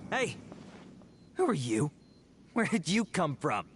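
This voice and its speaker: A man's voice: on the high side, very animated, slow pace, a little hiss or hum, exaggerated voice. A man voicing a cowardly small-time bandit in a video game, by turns blustering and sheepish. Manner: hesitant, stammering, self-justifying.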